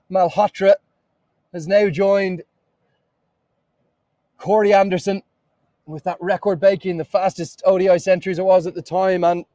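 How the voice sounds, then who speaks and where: A man calling a cricket match live from the commentary box, building to excited shouts at the big moments. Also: high-pitched, no room sound, rough recording.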